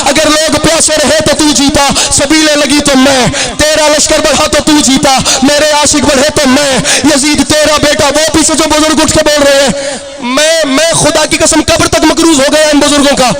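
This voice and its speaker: A man's voice: very high-pitched, little pitch movement, moderate pace. A man from Pakistan delivering an impassioned sermon to a gathering, declaiming and chanting repeated refrains while urging the crowd directly. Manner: addresses and urges the crowd directly. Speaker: zakir preaching at a religious gathering.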